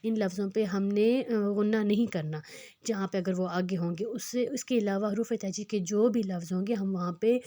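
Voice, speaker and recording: A woman teaches Quran recitation, explaining rules quickly and stretching the recited words slowly and louder. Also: medium pitch, steady tone, no echo, clean studio sound.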